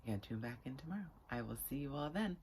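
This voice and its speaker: A woman reads a children's story and chats with her viewers, her husky voice rumbling low and her phrasing deliberate and expressive. A faint hiss or hum runs through the recording.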